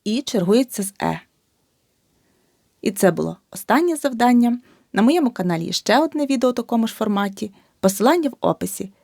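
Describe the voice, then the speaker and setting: A woman teacher slowly drilling spelling, saying words one by one with emphasis. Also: a little high, lively intonation, vocal fry, a little mellow, no echo, clean studio sound. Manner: slow, emphatic word-by-word dictation. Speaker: language teacher.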